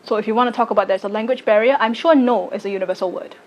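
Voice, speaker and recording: A woman, giving a slow, deliberate personal statement to camera. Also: mid-range voice, slight background noise, low-quality recording. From Singapore. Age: late 20s. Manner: slow, deliberate, measured delivery. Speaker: arts educator and content creator.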